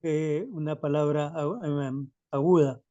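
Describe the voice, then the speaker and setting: A man's voice: fairly high pitch, steady tone, measured pace, dark tone, no room sound, lo-fi sound. A man answering a teacher's questions in an online class, brief and tentative. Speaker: student. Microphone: video call.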